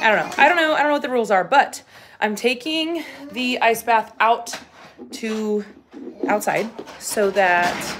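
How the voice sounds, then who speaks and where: A woman in her thirties chatting casually to camera as a vlogger, thinking aloud in colloquial, mildly sweary language. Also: medium pitch. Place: indoors at home, kitchen and other household rooms. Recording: echoey rooms with clear background noise.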